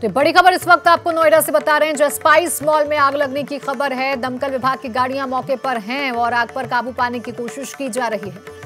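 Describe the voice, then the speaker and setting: Female studio anchor, high voice, brisk formal delivery, light music underneath. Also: fairly even intonation, a bit bright. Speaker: news anchor.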